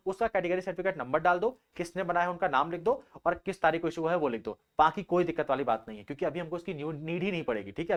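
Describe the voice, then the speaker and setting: A young man coaching students for an entrance exam, talking very fast in a casual, explanatory way. His voice sits fairly high for a man, and he keeps repeating points and calling his listeners bhaiya.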